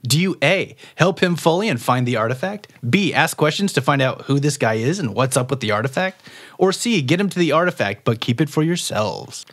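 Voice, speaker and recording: A man's voice: expressive, fairly quick, fairly bright tone. A man running a tabletop game as game master, reading out choices playfully and laughing often. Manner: playful, laughing, rising pitch on scores.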